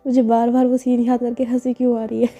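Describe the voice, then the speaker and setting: A woman voicing a shy young married woman, confused and wistful, talking in a soft, questioning way. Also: fairly high pitch, fairly even intonation, moderate pace, soft background music, close to an everyday voice.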